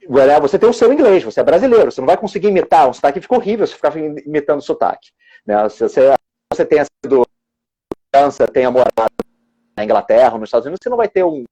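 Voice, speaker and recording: Dark-voiced man explaining on a video call. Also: a little high, sing-song, racing. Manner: thoughtful, restarts words often while explaining. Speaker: English teacher and exam examiner. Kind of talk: explaining on a live video stream. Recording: dull lo-fi video call audio.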